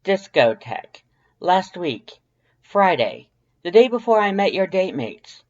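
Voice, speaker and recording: Voicing a prissy, long-winded male skeleton for a fan fiction audio drama, a woman speaks in a lowish, sing-song, slightly mellow voice at an unhurried pace. She sounds animated and playful, with a formal, grandiose, precisely enunciated delivery, captured on lo-fi audio.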